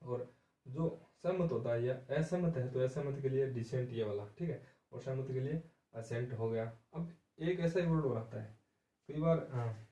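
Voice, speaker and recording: Teacher spelling words in an echoey room. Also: male voice, mid-range voice, mellow, distant mic. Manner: explains slowly, spells words letter by letter, repeats "theek hai". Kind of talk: exam-prep English vocabulary lesson.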